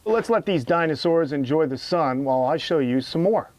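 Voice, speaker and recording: A man's voice: fairly high pitch, animated, normal speed, darkish tone. A man presenting an educational animal tour outdoors in a casual, emphatic, admiring way, as an enthusiastic host and keeper. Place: outdoors among animal enclosures.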